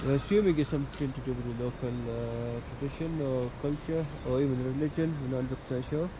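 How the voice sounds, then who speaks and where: A man's voice: mid-range voice, steady tone, fast. Male motorbike vlogger, mid-range voice, casual running commentary, noisy outdoor action-camera sound. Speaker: travel vlogger on a motorbike tour.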